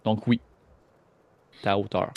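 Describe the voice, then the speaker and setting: A man's voice: lowish voice, little pitch movement, unhurried, highs cut off. A man with a Québécois accent narrating a tabletop game as game master, rambling and hesitant, with lots of filler. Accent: Québécois French.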